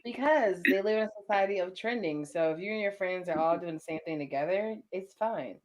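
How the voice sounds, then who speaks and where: A woman in a casual chat, telling stories in a lively way and laughing along. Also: on the low side, a little fast.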